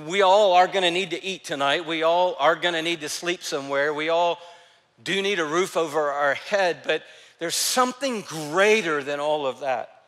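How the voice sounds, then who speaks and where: Bright-voiced preacher in a reverberant hall. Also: male voice, fairly high pitch. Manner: animated storytelling, dropping soft for quoted lines. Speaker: pastor. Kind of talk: sermon.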